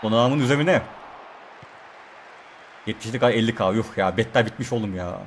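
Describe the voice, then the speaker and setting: A man streaming himself playing a football video game, calling the players' names in rapid play-by-play with casual swearing. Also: on the low side, fairly even intonation, slight background noise. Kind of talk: live gameplay commentary.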